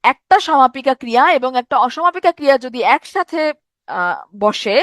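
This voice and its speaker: A woman's voice: sits high, very animated, moderate pace, a bit bright, dry recording. A woman teacher giving a grammar lesson, asking questions and answering them herself, repeating key points.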